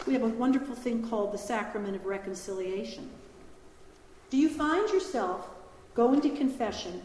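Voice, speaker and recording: A woman gives a retreat talk in a large, echoing hall, her voice swinging high and low as she tells stories with humor. Her pitch sits a little high, and the long reverb of the room trails behind every phrase. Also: a little hiss or hum. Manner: lively storytelling with humor and laughs. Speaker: retreat speaker.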